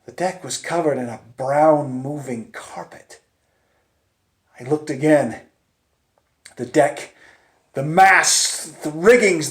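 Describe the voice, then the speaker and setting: This man's voice sits fairly high as he performs a suspense tale live from a first-person view. Deliberate and theatrical, he uses dramatic pauses and moves from near-whispered hush to urgent, loud peaks. The space sounds roomy and echoes.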